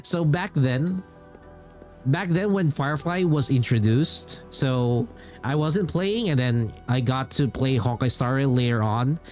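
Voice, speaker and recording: This male streamer's voice is medium in pitch and a little mellow, and his pace is measured. He rambles casually through livestream chat about games, repeating phrases for emphasis, as music plays behind.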